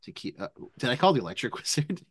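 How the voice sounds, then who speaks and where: Reviewing beers on a laid-back podcast, this co-host jokes around, stays animated, and laughs often as he talks. He speaks fast in a husky, medium-pitched voice, with no echo on the recording.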